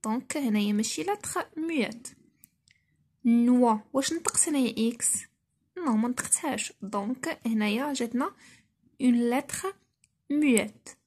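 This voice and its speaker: A female primary school teacher with a Moroccan accent, walking a class through exercises, dictating slowly and explaining in quick asides. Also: fairly high pitch, a little mellow, slightly rough. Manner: slow, deliberate dictation of French mixed with quick Darija asides.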